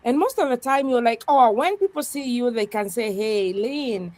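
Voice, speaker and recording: Recorded dry, a woman pastor speaks at a normal pace in a fairly high, slightly mellow voice. She's a guest in a thoughtful podcast conversation, talking earnestly and strongly, with frequent "yeah"s.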